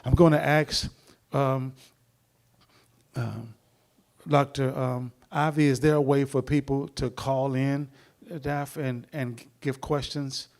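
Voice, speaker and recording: A middle-aged man hosting a church seminar, introducing the speaker in a rambling, preacherly way with many pauses. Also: medium pitch, fairly even intonation, darkish tone.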